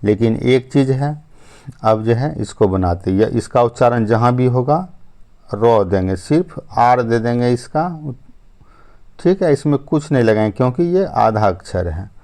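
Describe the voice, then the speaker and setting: A male English teacher with a mid-range, somewhat dark voice and lively intonation teaches spelling step by step. He explains slowly and patiently, repeats himself, and frequently says "ठीक है" and "अब जो है".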